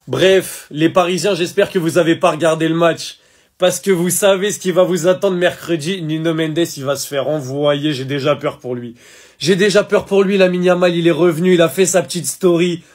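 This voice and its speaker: A man with a high voice gives emphatic football commentary, talking straight to his viewers. He sounds sure of himself and lays each point on thick. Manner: emphatic, addresses viewers directly. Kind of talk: casual video commentary.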